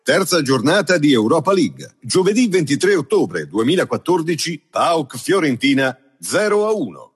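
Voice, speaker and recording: Guy announcing fixtures, highish husky voice, swoopy intonation, big long reverb. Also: sing-song, normal speed, some chatter behind. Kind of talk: scripted match-title announcements.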